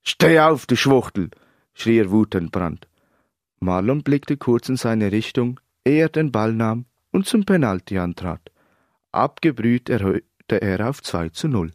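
A man narrating a story in a steady, even reading voice. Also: lowish voice, unhurried, dry recording, studio quality.

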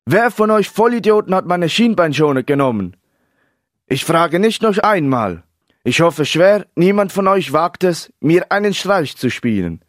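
A man voicing a hot-tempered young male footballer who shouts brashly in a storybook reading. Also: fairly low pitch, sing-song, a little fast, hardly any pauses, dry recording, studio quality. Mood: furious.

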